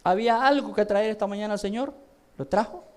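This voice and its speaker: Honduran male preacher, high resonant voice, leads congregation call-and-response. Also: fairly quick, a little mellow. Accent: Honduran Spanish. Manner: preaching, calls the congregation to repeat phrases. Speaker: pastor. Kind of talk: sermon. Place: church service.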